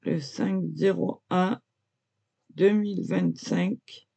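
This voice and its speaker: An amateur artist shows her drawing, and her voice is lowish, sing-song, very slow and warm with vocal fry. She talks viewers through it casually and hesitantly, dropping lots of "voilà" and "euh," and she coughs and chokes easily as she speaks.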